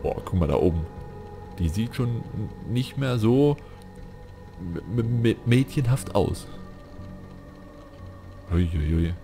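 A man's voice: mid-range voice, expressive, unhurried, over music. A man playing a video game and commenting casually, reading in-game text aloud and swearing when he gets frustrated. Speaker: let's play gamer.

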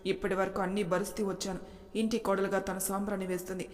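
A woman's voice: mid-range voice, level tone, fast, a little mellow, close to an everyday voice. A woman voicing a stern older mother-in-law who scolds firmly, with a long reverb. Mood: scolding. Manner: scolding and firm.

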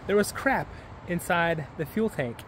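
Vlogger, man, 30s: slow, rambling, casual; handheld camera outdoors, faint ambience. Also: a little high, animated, a bit bright, a little hiss or hum. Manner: laid-back, rambling with fillers. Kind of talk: casual vlog walkthrough. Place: outdoor yard by woods. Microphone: handheld camera at arm's length.

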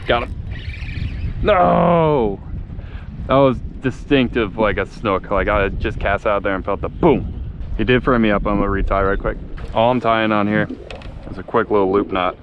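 A man giving casual, excited fishing commentary from a small boat, chatting to the fish as he reels them in, recorded on a head-mounted action camera. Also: fairly low pitch, normal speed, long pauses, muffled recording. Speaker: fishing vlogger. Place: outdoors on a small boat on open water. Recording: wind and water noise outdoors.

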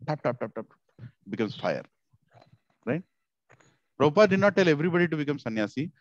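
A middle-aged man with a South Indian accent giving an informal devotional sermon, animated and repetitive, asking rhetorical questions into a headset mic. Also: mid-range voice, no room sound. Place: small indoor office. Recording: slightly dull, lo-fi headset audio.

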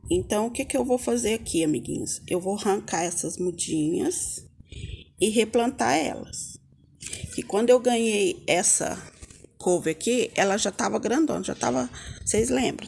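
A woman's voice: medium pitch, gravelly, a little mellow, slight background noise. A Brazilian woman giving a casual, homely hands-on gardening tutorial, chatting informally to viewers as the host. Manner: addresses viewers as little friends, homely and informal. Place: outdoor home yard with potted plants.

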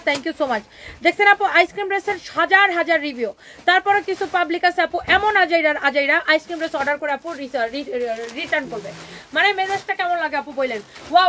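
Brief: rapid-fire female live-stream seller, high bright voice, pushy repetitive pitch, faint room hum. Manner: fast, emphatic, repetitive sales patter mixing in English. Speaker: online clothing seller hosting a live sale.

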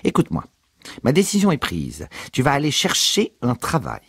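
A man voicing a fussy, nagging working-class mother in a raised, shrill voice. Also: huge pitch swings, normal speed, gravelly, slightly rough, no echo, studio quality, exaggerated voice. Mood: insistent nagging.

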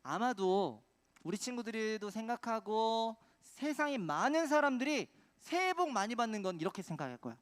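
A man's voice: high-pitched, big pitch swings, moderate pace. A man preaching a children's sermon, quizzing the kids with call-and-response questions. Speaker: children's pastor.

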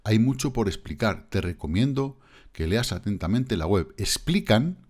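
Male host, low voice, casual sarcastic screen-reading commentary. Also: very animated, normal speed, a little mellow. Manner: sarcastic, reads chat messages aloud and mocks them. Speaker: crypto channel host.

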